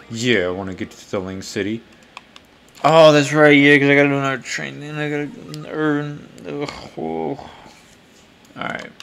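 A man's voice: medium pitch, creaky, a bit bright. A man casually commenting on a video game as he plays, loose, chatty and swearing often. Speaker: gaming video host. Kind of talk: casual let's-play commentary.

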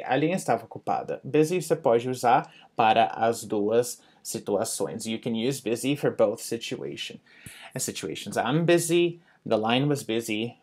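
A man's voice: medium pitch, expressive, darkish tone, breathy edge. A man teaching an English phrase lesson, saying each phrase and then repeating and translating it. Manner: repeats each phrase slowly in two languages; stresses intonation of example phrases. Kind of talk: bilingual language lesson.

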